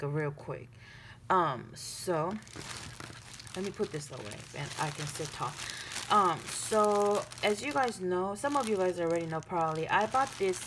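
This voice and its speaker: A woman vlogger chatting casually to her viewers, excitable, with many fillers and restarts. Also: fairly low pitch, slight background noise. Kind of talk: casual chat to camera.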